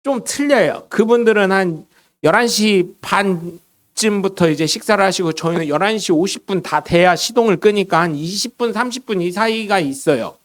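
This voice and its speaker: A middle-aged man preaching a sermon in a church, telling stories with lively swings between loud bursts and quiet asides. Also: sits high, normal speed. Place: church sanctuary.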